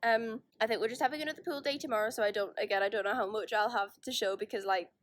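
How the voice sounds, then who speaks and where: A woman's voice: on the high side, quick pace, fairly bright tone, no room sound. Young woman vlogging into a handheld phone. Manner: rambling and self-deprecating, with frequent restarts. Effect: phone video recording. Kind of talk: casual chatty vlog. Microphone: phone held in hand.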